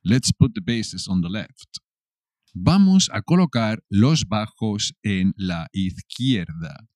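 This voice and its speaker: Man, Castilian Spanish accent, language teacher, very slow, dry close sound. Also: fairly low pitch, lively intonation, a little mellow, no echo. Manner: slow, deliberate, playful asides. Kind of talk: language lesson for beginners.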